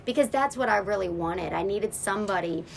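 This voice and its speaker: A woman sharing a heartfelt faith testimony as a guest, halting and restarting as she speaks. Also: medium pitch, animated, creaky, a little hiss or hum. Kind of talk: emotional personal testimony.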